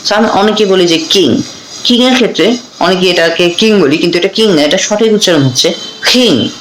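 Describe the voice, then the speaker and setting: A man giving a beginners' English pronunciation lesson, saying practice sentences very slowly and clearly. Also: high-pitched, a bit bright. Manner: slow drawn-out model sentences for practice. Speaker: English teacher. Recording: echoey room with faint noise.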